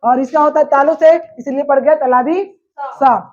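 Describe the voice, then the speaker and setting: A woman's voice: sits high, fairly even intonation, normal speed, a little mellow. A woman teaching a grammar class. She asks questions and then answers them herself. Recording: dull lo-fi recording.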